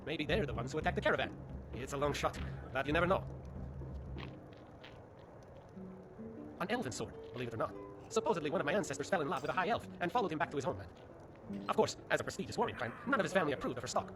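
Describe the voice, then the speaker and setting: An actor playing an inexperienced, apologetic young noble in a video game, polite and wordy. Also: male voice, fairly high pitch. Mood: anxious. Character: earnest, mumbling, inexperienced young noble heir. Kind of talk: video game character dialogue. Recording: sped-up game audio under music.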